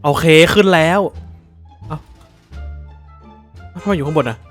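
Over soft background music, a man with a voice on the high side hosts a let's play at a measured pace. This gaming channel host swears freely, yelps when startled and laughs a lot while playing.

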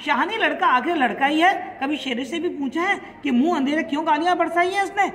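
A woman's voice: high-pitched, a little fast, fairly bright tone. A woman reading an aggrieved young village wife who answers back in a hurt, reproachful tone. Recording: echoey room with long reverb, faint hiss.

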